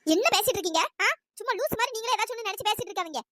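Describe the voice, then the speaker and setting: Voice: extremely high pitch, animated, racing, pushed and bright, slight background noise, full character voice. A performer voicing a defiant young woman in a cartoon story who snaps back indignantly.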